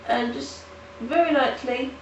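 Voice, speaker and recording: An art tutorial host with a high-sitting voice, nasal from hay fever, narrates a casual step-by-step coloring tutorial at her countryside home. She speaks haltingly, restarting and using fillers. The recording is roomy and distant-miked with faint noise.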